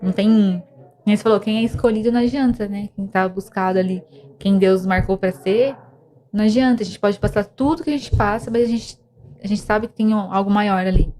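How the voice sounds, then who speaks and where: A young woman with a mellow, mid-range voice speaks a little fast. On a podcast she opens up earnestly about faith and depression in an emotional testimony, often backing up to begin again.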